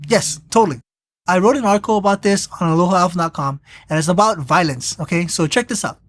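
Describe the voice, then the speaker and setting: A podcast co-host in casual chat, recapping a movie in a rambling, animated way and acting out the characters' lines. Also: mid-range voice, fast talker. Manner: animated storyteller, acts out quotes; rambling with restarts.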